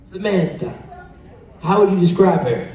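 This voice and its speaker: A man's voice: sits high, expressive, unhurried, dark tone. A man working as an upbeat cruise director, hosting a live couples game show in a teasing showman's manner. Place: large indoor show venue on a cruise ship. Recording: echoey hall, distant, faint background noise.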